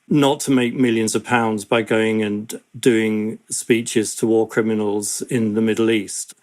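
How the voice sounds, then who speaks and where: A man, an education advocate, speaking in an earnest, measured way in an interview. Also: medium pitch. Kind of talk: reflective interview talk.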